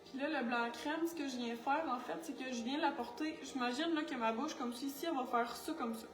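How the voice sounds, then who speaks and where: High-voiced Quebec woman in makeup tutorial. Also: fairly quick, far from the mic. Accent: Quebec French. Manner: chatty, scattered, self-mocking, talks while working. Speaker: makeup artist. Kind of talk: makeup tutorial, casual talk to camera. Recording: echoey room with faint music.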